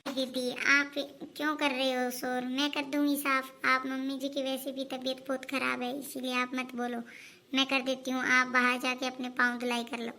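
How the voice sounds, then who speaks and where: A woman playing a meek, hardworking young daughter-in-law who talks softly and reassuringly. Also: high voice, monotone, normal speed. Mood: dutiful. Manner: soft, dutiful, reassuring. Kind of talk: homemade family skit.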